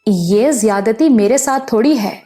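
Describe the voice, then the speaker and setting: A woman's voice: on the high side, dark tone, soft background music, close to an everyday voice. Woman reading as a shy, innocent young woman. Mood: hesitant. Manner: hesitant, shy, stammering. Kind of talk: audiobook character voice.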